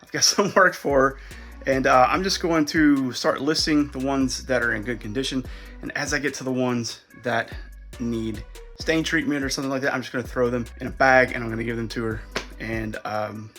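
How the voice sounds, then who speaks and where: A man's voice: medium pitch, bright, forceful tone. Chatty man vlogging over faint music. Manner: chatty, thinking aloud while sorting clothes. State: out of breath. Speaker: resale vlogger. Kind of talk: casual vlog commentary.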